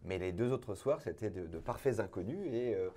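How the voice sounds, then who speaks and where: A man, a cabaret performer, guests on a casual interview show. His voice sits a little low, and he talks animatedly, repeating words for emphasis. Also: lively intonation, normal speed, warm tone.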